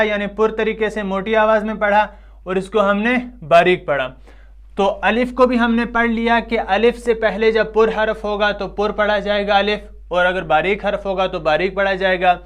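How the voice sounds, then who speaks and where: High, smooth-voiced male tajweed teacher. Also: fairly bright tone. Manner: slow, drawn-out chanted recitation of examples; patient teacher who asks questions and answers them himself. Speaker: Quran recitation teacher. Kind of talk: tajweed lesson, explaining rules.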